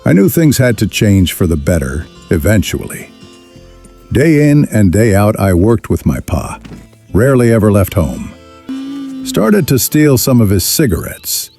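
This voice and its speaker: A man playing a rueful young outlaw drifter, narrating his rough life in a wry, folksy drawl with a gravelly voice. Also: fairly low pitch, wildly swooping pitch, unhurried, warm tone, soft background music, heavily acted. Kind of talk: scripted first-person western narration.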